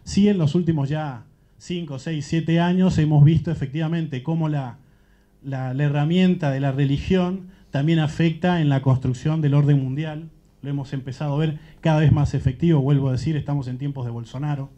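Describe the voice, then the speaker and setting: A man from Central America addresses a panel, reflecting aloud with an earnest, searching manner. His voice sits somewhat high yet sounds very dark and mellow. The recording is dull and muffled, like a lo-fi capture of a live event. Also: fairly even intonation, moderate pace.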